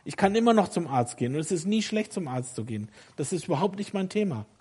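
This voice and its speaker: A middle-aged male preacher with a dark, mellow tone and a slightly husky edge. He delivers a sermon that moves from hushed, confiding passages to rising, urgent calls. He turns to the congregation with direct questions. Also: high-pitched, very animated, quick pace. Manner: swings from quiet, intimate confession to loud, urgent exhortation.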